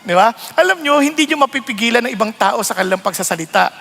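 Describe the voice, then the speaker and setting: A middle-aged Filipino pastor, a man, preaching in a playful, animated way, often laughing and acting out quarrels in swooping voices. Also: extremely high pitch, quick pace, vocal fry. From Philippines. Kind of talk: animated Taglish sermon.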